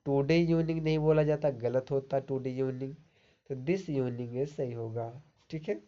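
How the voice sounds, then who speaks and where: A man's voice: medium pitch, steady tone, dark tone, highs cut off. A man teaching English grammar in Hindi, reading out example sentences and often checking with "okay?". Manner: explains slowly, reads example sentences aloud, keeps asking "ठीक है?".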